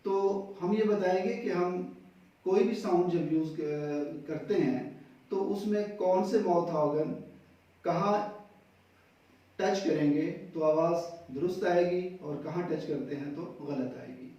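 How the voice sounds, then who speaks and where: Male phonics teacher, unhurried word-by-word delivery, slightly high mellow voice, distant and roomy. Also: highs cut off. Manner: reads word lists slowly, one word at a time. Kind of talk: slow word-list lesson.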